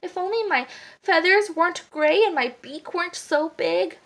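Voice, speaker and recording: A woman's voice: very high-pitched, lively intonation, moderate pace, pitched above the performer's own voice. A woman voicing a sad, lonely young male duckling in a storybook reading, recorded on a phone. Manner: soft, wistful, storybook-reading. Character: sad lonely young duckling, gray and big, who is a boy.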